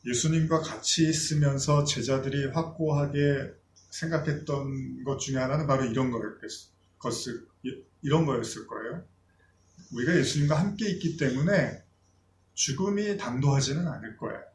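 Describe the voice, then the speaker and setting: A man's voice: medium pitch, moderate pace, roomy sound, a little hiss or hum. A man preaching a sermon as a pastor, talking to his congregation in a conversational way and acting out the voices of people he quotes.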